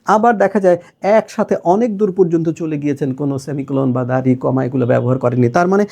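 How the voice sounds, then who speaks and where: A man with a high, mellow voice teaches a poetry lesson. He explains each point step by step, often stops to check that his students follow, and slows down to recite lines of verse. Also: creaky. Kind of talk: classroom lecture on poetry.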